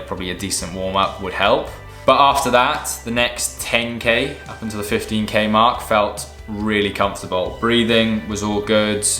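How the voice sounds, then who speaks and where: A man's voice: lowish voice, bright, forceful tone. A young man giving a casual, matter-of-fact vlog recap in a conversational way. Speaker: vlogger and amateur runner. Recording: roomy echo, music behind.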